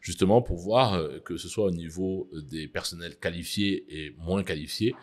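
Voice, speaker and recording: A middle-aged man answering interview questions in a formal, measured way, often pausing on fillers. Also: low-pitched. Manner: measured, hesitant with frequent fillers. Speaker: interviewee, mining executive.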